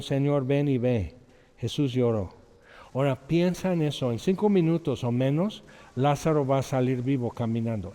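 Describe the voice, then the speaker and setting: A man's voice: medium pitch, warm tone. A man preaching a sermon as pastor, talking conversationally, reading scripture aloud and acting out quotes. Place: church hall. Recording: long echoing reverb of a hall.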